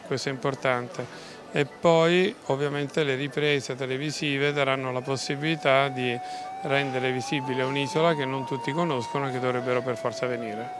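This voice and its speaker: A man's voice: mid-range voice, steady tone, normal speed. A middle-aged man giving interview answers as an event organiser. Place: outdoor town street at night. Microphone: handheld interview microphone. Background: music, outdoor street sound.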